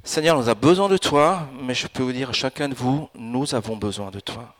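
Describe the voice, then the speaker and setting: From the pulpit of a church in Alsace, a pastor in his fifties with French and Italian roots preaches a sermon. His mid-pitched voice moves at a normal speed but is animated, surging into emphatic, urgent bursts as he drives home his points.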